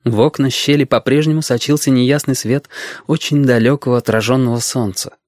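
A man reading an audiobook aloud in a calm, measured storytelling manner. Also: medium pitch, no room sound, studio quality. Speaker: audiobook narrator.

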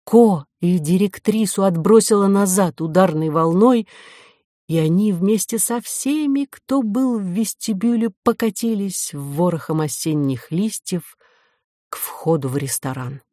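A woman reading an audiobook aloud in a steady, measured narration. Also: mid-range voice, dry recording, studio quality. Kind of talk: scripted narration.

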